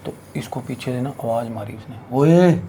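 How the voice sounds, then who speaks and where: A man's voice: medium pitch, little pitch movement, a little fast, mellow, slight background noise. A man hosting a podcast, telling a horror story in a casual, crude and slangy way full of swearing.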